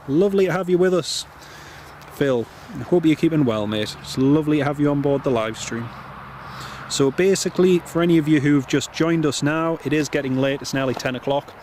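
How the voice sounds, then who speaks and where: A man from North East England with a Northumbrian accent hosts a casual live stream. His voice sits in a middle register and he talks to viewers in a friendly, chatty way, often saying things twice. There is faint outdoor vehicle noise behind him. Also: medium pitch. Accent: Northumbrian, near Geordie. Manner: chatty, friendly, repeats phrases. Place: outdoors by an airport runway.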